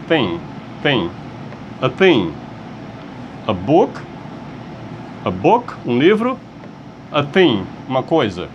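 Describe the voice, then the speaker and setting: Patient Brazilian man teaching English slowly. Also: on the high side, slight background noise. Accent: Brazilian Portuguese. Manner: patient, repeats words and checks in with "tá?" and "ok?". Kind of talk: online language lesson.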